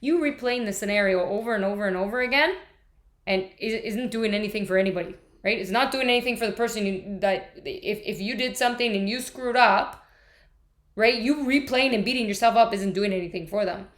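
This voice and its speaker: A woman's voice: medium pitch, a little fast. A woman talking candidly in a rambling, profane, stream-of-consciousness monologue, often restarting and trailing off. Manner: restless, frequent restarts and trailing off. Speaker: vlogger.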